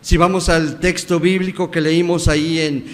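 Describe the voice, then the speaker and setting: A man with a Mexican Spanish accent preaching a sermon as pastor, swinging from loud emphasis to hushed words. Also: a little high, flat delivery, normal speed. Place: church sanctuary. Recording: church hall reverb, faint background noise.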